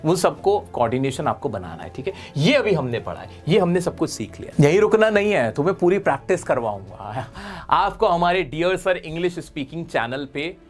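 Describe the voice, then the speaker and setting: A young man with an Indian accent teaching a spoken English lesson in a playful, animated way, acting out phrases in exaggerated tones. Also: a little high, normal speed, faint music behind.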